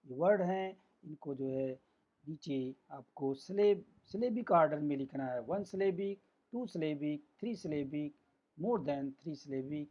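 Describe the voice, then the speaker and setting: A man teaching an English lesson, sounding out words slowly syllable by syllable. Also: a little high, lively intonation. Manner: slow, syllable-by-syllable explaining. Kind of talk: classroom lesson. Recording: dull lo-fi recording.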